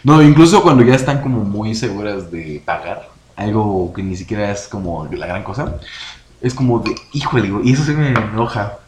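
A man with a Mexican Spanish accent, co-hosting a casual podcast and telling stories in a relaxed, conversational way. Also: lowish voice, normal speed. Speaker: podcast co-host. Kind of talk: casual chat. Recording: echoey room with clear background noise.

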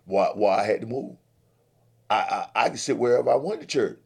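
A man's voice: fairly low pitch, brisk, creaky, breathy edge. A man voicing a stubborn, hot-tempered grown man who keeps repeating himself defiantly.

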